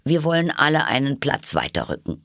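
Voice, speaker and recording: A man's voice: medium pitch, sing-song, a little fast, a bit bright, no echo, clean studio sound, voice pushed up. A man reading a storybook aloud, voicing the rude, contrary Hatter who teases in a smug tone. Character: rude, triumphant mad Hatter.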